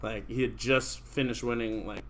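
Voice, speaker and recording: A man's voice: medium pitch, fairly even intonation, normal speed, slight background noise. A young man hosting a podcast, rambling casually and swearing often, with lots of fillers like "like". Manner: rambling, profane, heavy use of "like". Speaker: podcast host. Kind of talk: casual chat.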